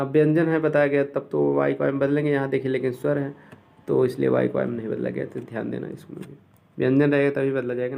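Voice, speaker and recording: A man who teaches English, explaining grammar rules step by step and slowly repeating each example word. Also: on the high side, vocal fry, darkish tone.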